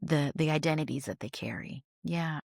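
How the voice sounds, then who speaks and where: A woman's voice: low-pitched, normal speed, creaky, dry recording, clean studio sound. A middle-aged woman, an educator, chatting casually as an interview guest, telling stories with fillers and laughs. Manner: animated storytelling with laughs and fillers.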